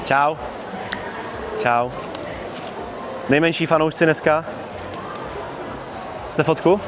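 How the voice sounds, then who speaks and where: Slangy young Czech streamer in a mall. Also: male voice, fairly high pitch, fairly even intonation. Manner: slangy, joking, upbeat. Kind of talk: casual IRL livestream chat with fans. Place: busy shopping mall. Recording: crowd and noise of a busy mall.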